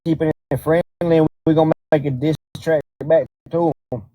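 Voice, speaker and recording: A man hosting a livestream in a relaxed, slangy voice, pitched a bit high with a mellow, dark tone. He sounds close and dry, with no room around him. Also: moderate pace, no echo. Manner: laid-back, slangy, directing the chat. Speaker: livestream host. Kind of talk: casual livestream chat.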